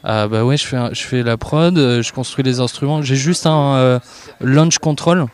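Young man from southern France, festival radio guest, halting and relaxed, average pitch. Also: clear, resonant tone. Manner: hesitant, many fillers, easygoing laughs. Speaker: guest musician. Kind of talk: live radio interview. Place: outdoor festival park.

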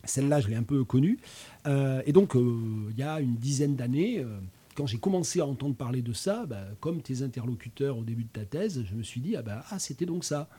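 Man in his fifties, regional French accent, hesitant radio host, mellow, husky. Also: medium pitch, lively intonation, a little fast. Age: 50s. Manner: hesitant, many fillers and restarts. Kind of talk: casual chat.

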